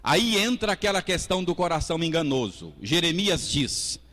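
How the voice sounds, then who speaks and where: A man with a slightly high voice and a Brazilian Portuguese accent preaches a Sunday school sermon at a moderate pace, chatting with the congregation between points. He's lively and conversational, with audience asides and acted quotes, and the church hall adds a long reverb.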